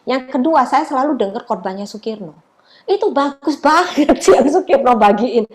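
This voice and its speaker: A woman's voice: high-pitched, animated, normal speed. A middle-aged woman giving a casual, chatty testimony sermon at a prayer meeting, telling her story with many fillers.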